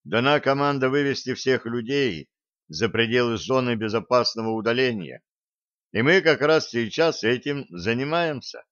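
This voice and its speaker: A man voicing a flat-toned, dejected negotiator. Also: mid-range voice, normal speed, dry recording, muffled recording, close to an everyday voice. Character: weary male official negotiator, flat-voiced. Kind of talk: audiobook character voice.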